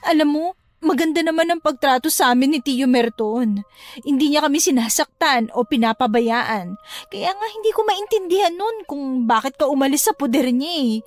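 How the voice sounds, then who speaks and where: A woman's voice: high-pitched, expressive, normal speed. A woman voicing a young woman desperate to find her sister, earnest and pleading in a radio drama.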